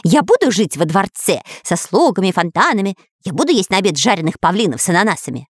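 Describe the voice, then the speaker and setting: A woman's voice: medium pitch, big pitch swings, fast, no echo, clean studio sound. A woman voicing a cowardly, greedy male spy who whines and hisses. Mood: whiny. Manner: whining, hissing.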